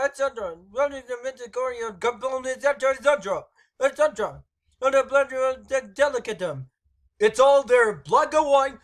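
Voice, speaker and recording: A man voicing a furious, pedantic, eccentric factory owner in a silly amateur redub, ranting and breaking into shouts. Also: very high-pitched. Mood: impatient. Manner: ranting, legalistic, shouting outbursts. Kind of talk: silly amateur fandub of a film scene.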